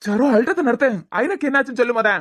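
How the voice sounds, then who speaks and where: A woman voicing a stern young man in a cartoon serial, speaking in a deep put-on male voice with a Kanyakumari Tamil accent, in terse commands. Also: animated, rapid-fire. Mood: firm, worried. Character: stern young man, worried father figure.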